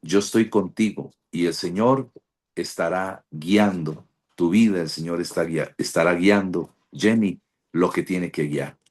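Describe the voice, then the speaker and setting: Deep-voiced fervent Colombian pastor. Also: male voice, a little slow. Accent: Colombian Spanish. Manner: fervent, repetitive prophetic declarations. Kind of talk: devotional sermon with prayer. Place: online devotional broadcast.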